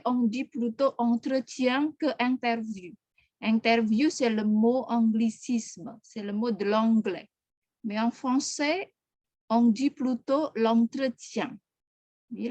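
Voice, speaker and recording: A woman's voice: fairly high pitch, fairly even intonation, takes it slowly, a little mellow, no echo, highs cut off. Patient woman teaching French. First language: Indonesian. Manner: patient, repeats questions, corrects pronunciation. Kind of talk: online language class.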